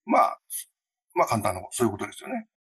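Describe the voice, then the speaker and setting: A male English pronunciation teacher speaking in an interview. His pitch swings widely as he explains, and he uses many fillers along the way. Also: huge pitch swings, fast, a bit bright, breathy edge.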